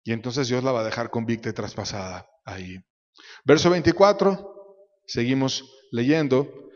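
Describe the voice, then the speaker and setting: A pastor preaching a sermon, swinging between loud emphatic bursts and quiet low asides, sometimes acting out voices. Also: male voice, moderate pace. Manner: acts out quoted voices in his preaching. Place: church. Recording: echoey church hall, dull lo-fi sound.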